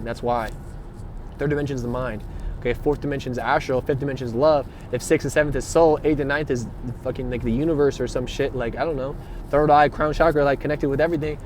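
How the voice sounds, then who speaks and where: A man speaks fast in a mid-range, darkish voice with fairly even intonation, against slight background noise. His spiritual monologue wanders, slangy and emphatic, with plenty of repetition, swearing and rhetorical questions.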